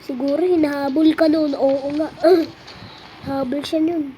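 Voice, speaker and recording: High, unhurried voice, excitable teasing streamer, noisy home recording. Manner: excitable, teasing chatter with frequent exclamations. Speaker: gameplay streamer. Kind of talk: casual game commentary.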